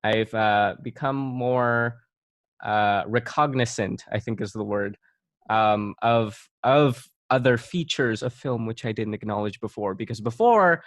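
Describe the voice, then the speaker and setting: A man's voice: on the low side, fairly even intonation, a little slow, dry recording, studio quality. A young man co-hosting a podcast in casual chat, thoughtful and hesitant with frequent "uh" and "um". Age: young adult. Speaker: podcast co-host.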